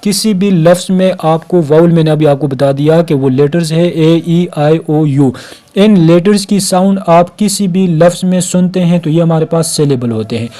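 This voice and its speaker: A male teacher from Pakistan gives a recorded grammar lecture in a mellow voice on the high side, at a moderate pace. He explains step by step, repeating words while counting their syllables, with frequent "uh" fillers and English terms mixed in.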